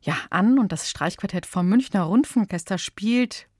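A woman's voice: mid-range voice, animated, normal speed, a little mellow, no echo, clean studio sound. A woman hosting a children's radio program, announcing in a chatty way. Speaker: radio host.

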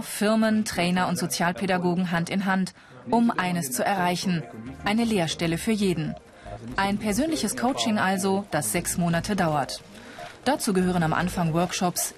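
A woman's voice: fairly low pitch, normal speed. Woman narrating a TV report over music. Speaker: news reporter.

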